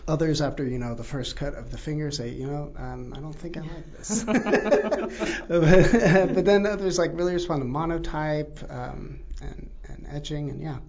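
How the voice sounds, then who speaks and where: A man's voice: on the high side, normal speed, a little mellow, slight background noise. A man, a printmaking teacher explaining his craft in a casual interview, with many ums and uhs. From born in New Zealand, raised in Texas. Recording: muffled lo-fi recording.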